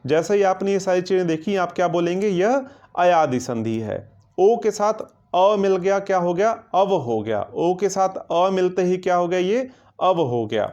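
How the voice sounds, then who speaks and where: A man teaching a grammar lesson for exam coaching. He asks his students questions, answers them himself, and repeats words slowly to drill them. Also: high voice, animated, a little mellow, lo-fi sound.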